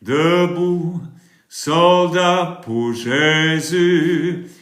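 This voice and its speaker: Leading a livestreamed worship service, this British-accented preacher from England stretches out his hymns in song, then breaks off to answer viewers briskly and chattily. The voice is fairly high and fairly bright, with a reverberant sound.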